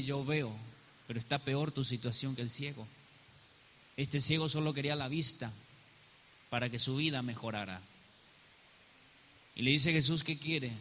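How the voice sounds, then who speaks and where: Pastor guy preaching, really bright cutting voice, keeps asking the church yes or no, echoey church hall w/ a bit of hiss. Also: mid-range voice. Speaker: pastor and prophet. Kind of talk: sermon. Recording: reverberant hall with faint hiss.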